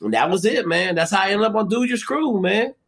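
A male football coach swapping stories as a guest. His voice sits fairly high and jumps around a lot. He is profane and punchy throughout. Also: expressive, a little fast, a bit bright. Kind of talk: casual storytelling.

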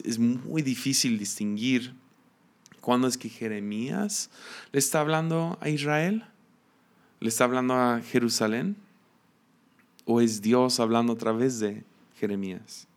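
A man with a Mexican accent, teaching a conversational sermon in a reflective, chatty way. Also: mid-range voice. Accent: Mexican Spanish. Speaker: preacher.

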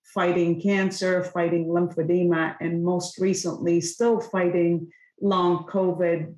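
Earnest woman, low steady voice. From Lebanon. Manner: candid and earnest, speaks with conviction. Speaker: guest, company executive. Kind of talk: personal storytelling in a podcast interview. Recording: roomy echo.

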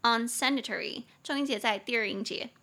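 A young woman with a Taiwanese Mandarin accent hosts a casual podcast English lesson. Her voice is bright and sits a little high. She chats in an animated way, spells words out slowly and bursts into exasperated rants. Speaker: podcast host and English teacher.

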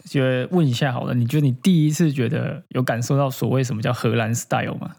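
A man's voice: medium pitch, steady tone, quick pace, creaky, darkish tone. Wry, teasing male podcast co-host. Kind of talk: casual chat.

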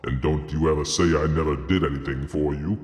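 A man voicing a deep, booming desert Jinn. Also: steady tone, a little mellow. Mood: lecturing. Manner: slow, weighty, admonishing. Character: grand, stern male desert Jinn, magical. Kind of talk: storybook character voice. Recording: roomy echo with long reverb.

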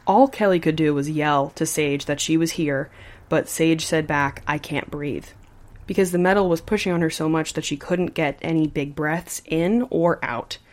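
A woman's voice: low voice, moderate pace. A woman hosting a podcast, telling a true story in a casual, chatty way and sometimes adding "like.". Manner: animated, chatty, says like often.

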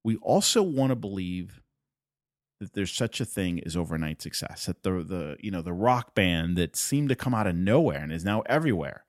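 This Puerto Rican podcast host, whose first language is Spanish, has a deep voice with lively intonation and a normal pace. The studio-quality recording is dry, and in his motivational solo talk he speaks earnestly and emphatically, hammering points through repetition.

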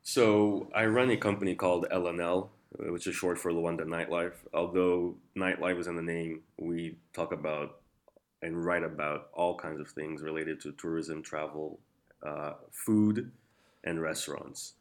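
A man's voice: low-pitched, steady tone, unhurried. A man. He speaks as a guest in an interview, laying out explanations from his own line of work. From Angola. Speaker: interview guest, founder of a nightlife and tourism company.

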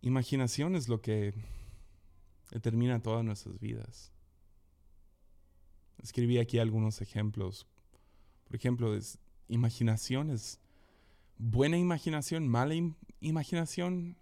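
Speaking a little slowly with frequent pauses, this young man has a gravelly, medium-pitched voice. In relaxed talk he spins stories, animatedly performing the quotes and breaking into laughter often.

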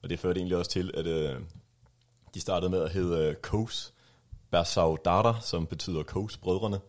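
A man's voice: low-pitched, steady tone. A man presenting music in a casual studio chat, talking with frequent hesitations. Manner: hesitant, many fillers and laughs.

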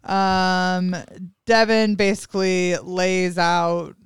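A co-host on a casual podcast, narrating the episode recap in a halting, filler-laden way. The voice is exceptionally smooth and clean, and it sits dry and close with no room sound. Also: mid-range voice, level tone, no echo. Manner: plods through plot recap, hesitant. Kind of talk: casual chat.

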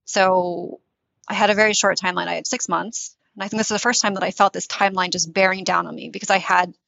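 Speaking quickly in a medium-pitched, gravelly and fairly bright voice with fairly even intonation, this woman gives reflective interview answers, frequently restarting as she searches for words. She's a literary translator born in Tunisia and raised in the US; the recording is dull, lo-fi and dry.

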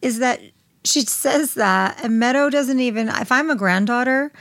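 A woman's voice: fairly high pitch, moderate pace, fairly bright tone, no room sound, studio quality. A woman co-hosting a casual chat, recapping the plot with opinions of her own. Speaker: podcast co-host.

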